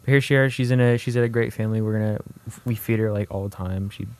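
A young man co-hosting a casual podcast chat, talking in a rambling, halting way with many restarts. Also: lowish voice, fairly even intonation. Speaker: podcast co-host.

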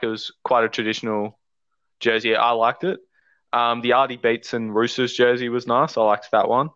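Smooth-voiced Australian man, dull dry audio. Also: medium pitch, a bit bright, dry recording. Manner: hesitant, thinking aloud. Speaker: podcast guest. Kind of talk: casual sports fan chat.

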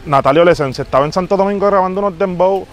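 A prank show host with a Puerto Rican accent pulls hidden-camera stunts on the street, posing as a pushy, self-important fake singer who calls everyone papi. His voice sits high and races along, close to an everyday voice, with slight background noise.

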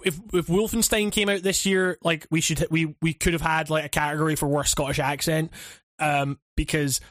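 A man's voice: fairly high pitch, no room sound, studio quality. A young man co-hosting a casual gaming chat, rambling and swearing freely. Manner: rambling, profane, animated. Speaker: podcast co-host.

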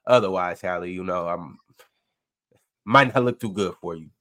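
A man's voice: sits low, moderate pace, fairly bright tone. An American man hosting a sports talk panel, reading viewer comments and debating casually with dry teasing.

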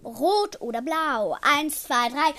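Young girl hosting a podcast, very high bright voice, chatty and giggly. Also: animated, takes it slowly. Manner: chatty, giggly, bursts into loud squeals. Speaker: podcast host. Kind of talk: casual podcast chat.

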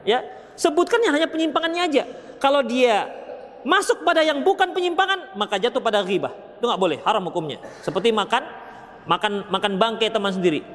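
Man, Islamic preacher, religious Q&A lecture, joking and lively, high voice. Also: brisk. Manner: lively, joking, reads audience questions aloud. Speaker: Islamic preacher answering questions. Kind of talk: religious lecture with question and answer. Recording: long reverb of a lecture hall.

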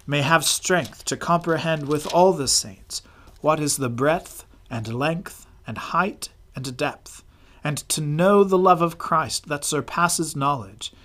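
A man leading worship, reading scripture and prayers in a formal, measured, reverent manner. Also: fairly high pitch, a bit bright.

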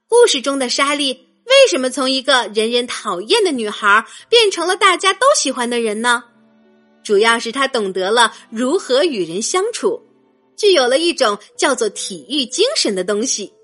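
Woman host reading children's stories, gentle and expressive, fairly high, lively melody, soft music behind. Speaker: children's storyteller. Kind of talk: storytelling for children.

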